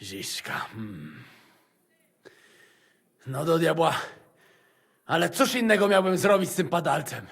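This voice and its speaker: An actor playing a hot-tempered, swearing male fighter with a gravelly, raspy voice. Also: a little high, sing-song, measured pace, long pauses, fairly bright tone, full character voice. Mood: grudging. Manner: swearing, aggressive.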